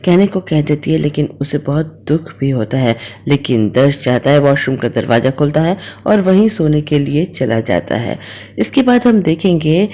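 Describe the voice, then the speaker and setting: Mellow-voiced episode recap narrator. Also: mid-range voice, expressive, normal speed. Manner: storytelling recap, reading out dialogue. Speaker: serial episode reviewer.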